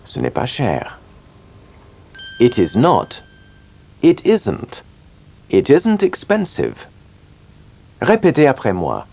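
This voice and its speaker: A man teaching English in a scripted lesson, drilling words slowly and clearly. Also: medium pitch, huge pitch swings, warm tone. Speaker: language teacher.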